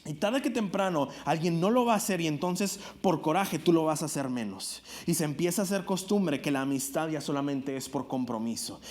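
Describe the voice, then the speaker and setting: A man's voice: a little high, fairly quick, hardly any pauses, darkish tone. A man preaching an earnest sermon in a church, climbing to emphatic peaks and stumbling over restarts and filler words.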